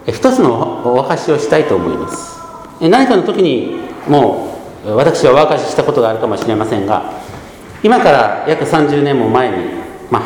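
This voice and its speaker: A pastor in his fifties from Gunma gives a measured sermon, pausing often with soft hesitations. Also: on the high side, reverberant, big-room sound, slight background noise, rough recording. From Gunma, Japan. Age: 50s.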